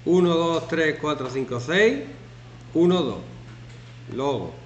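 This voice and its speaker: A man's voice: a little high, takes it slowly, highs cut off. A man in his fifties, a teacher, talking casually and jokingly to his students while working through a class activity. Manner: chatty, joking, lively, acts out shouting examples. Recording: echoey classroom, faint background noise.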